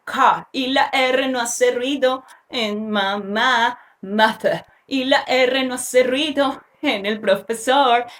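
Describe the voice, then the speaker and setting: A woman giving a playful pronunciation lesson for children, telling a little story and slowly modeling example words. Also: high voice, fairly even intonation, fairly bright tone. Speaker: English pronunciation teacher.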